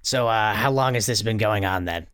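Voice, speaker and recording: A man's voice: fairly low pitch, normal speed, a bit bright, clean tone, no echo, clean studio sound. A man chatting casually as a player in a tabletop role-playing game. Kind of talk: casual chat.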